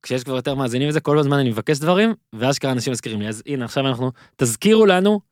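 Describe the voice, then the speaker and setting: A young man hosting a podcast, playful and jokey, tossing quick asides to his listeners. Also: mid-range voice, expressive, no echo, clean studio sound. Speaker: podcast host. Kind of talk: casual podcast conversation.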